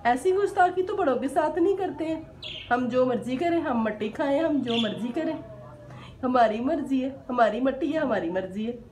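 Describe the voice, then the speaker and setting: This high-pitched, darkish female voice carries a Pakistani Urdu accent, with slight noise in the background. She's vlogging at home during a power cut, narrating in playful, sing-song baby talk as she teases a toddler.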